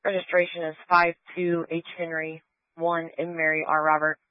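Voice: medium pitch, flat delivery, moderate pace, no room sound. A police dispatcher calling over the radio, clipped and matter-of-fact, spelling out registration plates letter by letter. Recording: tinny, dry police radio transmission.

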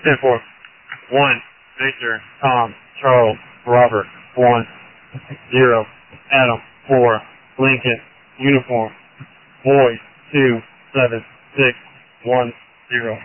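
A man's voice: medium pitch, flat delivery, slow pace, long pauses. A man working as a police officer, calling in over a police radio transmission and reading out characters in the phonetic alphabet, matter-of-fact. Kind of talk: radio call. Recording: tinny police radio with faint static.

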